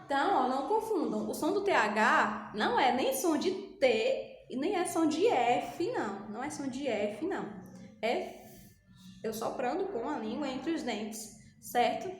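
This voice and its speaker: A woman's voice: high-pitched, very animated, unhurried, faint music behind. A woman teaching an English class to Brazilian schoolchildren, patiently repeating and drilling pronunciation. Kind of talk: recorded online class. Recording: echoey room with faint ambience.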